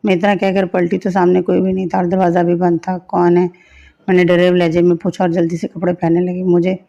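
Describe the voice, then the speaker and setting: A woman narrating a first-person dramatic story in a slow, steady reading. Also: fairly low pitch, vocal fry. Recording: dull lo-fi recording.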